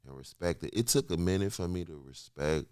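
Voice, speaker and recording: A man in his late thirties from Kansas City, a musician guest telling stories in a slangy, animated way. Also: sits low, fairly quick, smooth, no room sound, clean studio sound. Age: 30s. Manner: slangy, repetitive, animated storytelling. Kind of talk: casual interview chat.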